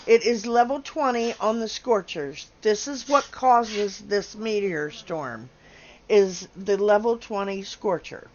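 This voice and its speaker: Slow, chatty woman hosting a stream. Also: medium pitch, a little mellow, highs cut off. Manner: chatty, laughs often, stumbles over names. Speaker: livestream host. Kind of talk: casual game livestream commentary.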